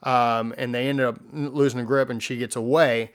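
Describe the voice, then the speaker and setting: A man co-hosting a history podcast in casual chat. He tells the story in an animated way, filling pauses with lots of ums and likes. His pitch sits in the middle. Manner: animated storytelling, many fillers. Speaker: podcast co-host.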